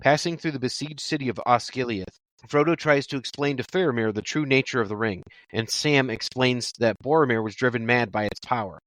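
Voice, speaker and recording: A man's voice: medium pitch, a little fast, a bit bright, no room sound, rough recording. A man co-hosting a movie review podcast, joking in chat and reading a plot summary aloud. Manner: joking, reads summaries steadily. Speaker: podcast co-host.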